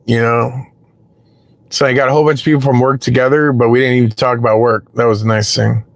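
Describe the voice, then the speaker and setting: A man's voice: mid-range voice, flat delivery, quick pace, gravelly, no echo. A man chatting casually with his live-stream viewers while waiting for rides in his parked car, rambling and swearing freely.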